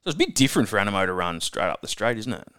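A man's voice: on the low side, very animated, very fast, pushed and bright, clean tone, no echo, clean studio sound. A man co-hosting a casual racing podcast, chatty and leading the talk. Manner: chatty, leads the conversation. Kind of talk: casual chat.

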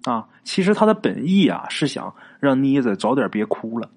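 A man narrates a ghost story as if chatting, with frequent filler particles and little asides. His voice sits at an ordinary middle pitch. The telling is loose and conversational rather than read from a script. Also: big pitch swings, normal speed, darkish tone, husky.

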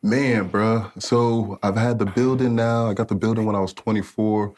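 A studio owner from Africa in his late twenties tells his story as a podcast guest, relaxed and rambling, peppered with slang and fillers. His voice is on the low side, at a moderate pace.

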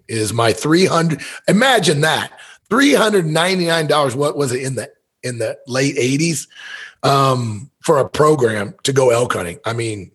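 A podcast guest from Missouri, USA, in his fifties, who hunts elk and owns a business, tells stories in a loose, folksy, candid way. His voice is medium-pitched, fairly bright and slightly rough.

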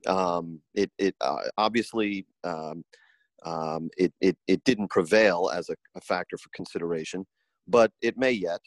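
A man from New York, a political reporter, answering in a measured, wordy and dryly wry way. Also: sits low, dry recording. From New York, USA. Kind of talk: interview answers.

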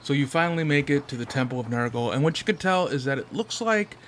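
A man's voice: mid-range voice, animated, quick pace, slight background noise. A man narrating a tabletop fantasy game as game master in a casual, improvised way.

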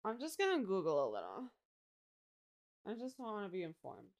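Wry woman podcaster with lively intonation. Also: medium pitch, moderate pace. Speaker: podcast co-host. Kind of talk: casual chat.

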